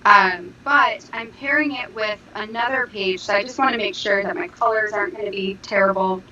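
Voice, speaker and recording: A woman's voice: medium pitch, normal speed, crowd noise. A woman co-hosting a casual livestream chat, easygoing and chatty, her voice echoey over a remote call. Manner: easygoing, chatty, with soft laughs. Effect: echoey sound reported by viewers. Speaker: livestream co-host, crafter. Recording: echoey, dull online call audio.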